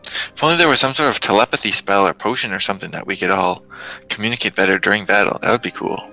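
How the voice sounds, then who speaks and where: A man's voice: fairly low pitch, lively intonation, fast, sharp tone, faint music behind, low-quality recording. A man role-playing in a tabletop game, playful and eager, often laughing. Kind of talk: in-character role-play discussion.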